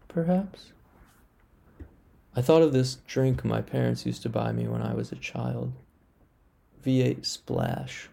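A man telling an absurd first-person story in a deadpan, mock-solemn way. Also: medium pitch, gravelly, breathy edge.

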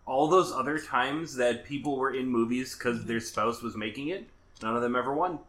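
A man from Minnesota hosting a casual podcast, chatty and quick with asides and self-corrections. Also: mid-range voice, fairly bright tone. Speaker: podcast host.

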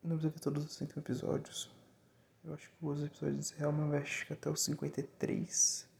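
Man, Brazilian Portuguese accent, hoarse voice giving out, creaky fry, even intonation, casual rambling podcast monologue. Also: on the high side, quick pace. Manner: informal, slangy, digressive. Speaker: podcast host.

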